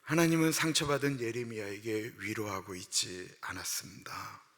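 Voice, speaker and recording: A male pastor preaching an earnest, emotional sermon that swells into loud, passionate outbursts. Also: fairly low pitch, moderate pace. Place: church sanctuary. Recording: long hall reverb.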